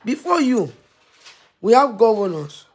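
A woman's voice: on the high side, sing-song, a little slow, breathy edge. Woman scolding in a preachy vlog. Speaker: vlogger. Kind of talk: impassioned commentary to camera.

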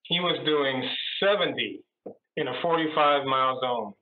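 Priest telling jokes over a tinny line. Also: male voice, medium pitch, moderate pace, background noise. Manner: chatty storyteller. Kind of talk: telling jokes on a video call. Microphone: computer mic on a video call. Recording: tinny echoey video-call audio.

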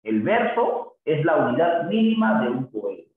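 A man teaching a literature class in a slightly high voice. He keeps checking in with his listeners through tag questions and stretches recited verses into a sing-song drawl. The sound is thin and phone-like, with heavy echo. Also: big pitch swings, moderate pace. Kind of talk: classroom lecture.

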